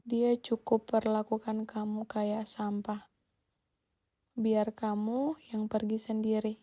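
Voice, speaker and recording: A woman's voice: on the high side, flat delivery, takes it slowly, warm tone. A woman hosting a scripted relationship advice monologue, speaking bluntly and directly to the listener. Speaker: host.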